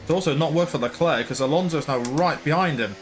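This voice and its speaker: A gaming YouTuber chats and rambles while commentating his own racing gameplay, now and then breaking into mock broadcast commentary. He talks fast in a slightly high voice, with soft music playing in the background.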